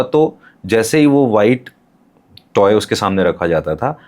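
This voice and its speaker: A man's voice: lowish voice, darkish tone. A man as a podcast guest, explaining ideas with examples and English terms.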